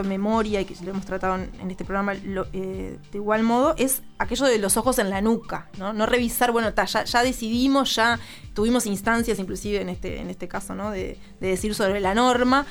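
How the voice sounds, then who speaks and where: A woman's voice: mid-range voice, moderate pace. Woman co-host, hesitant, lots of restarts, light music behind. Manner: hesitant, searching for words, many restarts. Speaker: radio show co-host. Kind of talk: discussion on a radio program.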